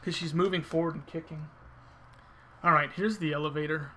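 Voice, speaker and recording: A man's voice: fairly high pitch, fairly even intonation, a little fast, bright, forceful tone, slight background noise. A man giving casual video game commentary, thinking aloud informally as he explains his technique.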